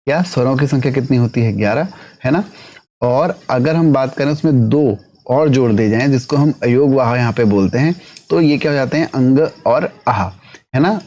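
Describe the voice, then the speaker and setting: A man teaching an exam-prep lesson at a middling pitch. He asks questions and answers them himself, one after another. He keeps tagging his sentences with a short check-in question. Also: a little fast, dark tone, dull audio. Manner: keeps adding tag question "है ना".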